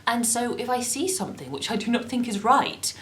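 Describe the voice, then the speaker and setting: A woman's voice: big pitch swings, a little fast, a bit bright. A woman with a posh English accent vlogging in a chatty, self-mocking way. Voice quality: posh, high-voiced. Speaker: vlogger, freelance model. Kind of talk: casual talking-to-camera vlog. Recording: echoey room with faint noise.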